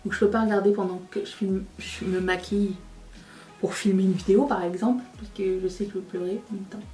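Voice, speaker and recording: A woman's voice: medium pitch, steady tone, fairly quick, dark tone, far from the mic. Québécoise woman, makeup vlog chatter, wry asides, faint music bed. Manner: chatty, self-mocking, rambling asides. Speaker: beauty youtuber. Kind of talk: casual get-ready-with-me chat.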